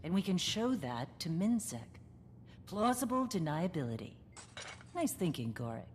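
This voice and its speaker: Dry, lowish-voiced female detective. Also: big pitch swings, normal speed. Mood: dry, measured. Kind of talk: video game voice acting. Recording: long reverb, faint background noise.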